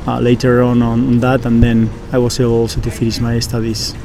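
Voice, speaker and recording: A man with a Basque accent answering interview questions conversationally, with halting, searching phrasing. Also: medium pitch, monotone, music in the background. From Basque Country, Spain. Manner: hesitant, halting phrasing with frequent searching pauses. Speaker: professional surfer and engineer, interview guest.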